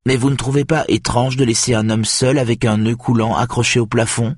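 A man's voice: medium pitch, flat delivery, fairly quick, breathy edge, no echo, studio quality, pitched above the performer's own voice, close to an everyday voice. A man voicing a weary, persistent female detective who keeps pressing her questions. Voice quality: tired, insistent questioning.

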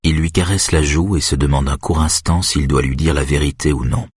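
A male audiobook narrator with an extremely deep, gravelly-husky voice, reading calmly. The recording is close and bone dry, with no room sound at all. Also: fairly quick, dry recording. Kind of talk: scripted narration.

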